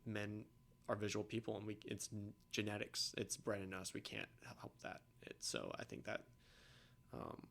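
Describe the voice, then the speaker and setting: A young man talking casually as a podcast guest, opinionated, often trailing off quietly at the end of a point. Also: lowish voice, little pitch movement, moderate pace, creaky, slight background noise.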